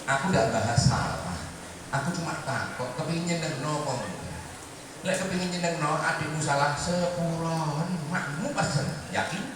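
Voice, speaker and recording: Animated preacher in booming hall. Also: male voice, normal speed, noisy background. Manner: animated, dramatic storytelling with asides to the crowd. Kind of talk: storytelling sermon at a memorial gathering. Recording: echoey hall, voice far from the mic.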